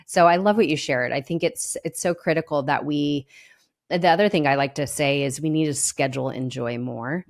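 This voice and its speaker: A woman's voice: low-pitched, a little fast. A woman hosting her podcast, chatting in an upbeat, enthusiastic way. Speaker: podcast host. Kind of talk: casual interview chat.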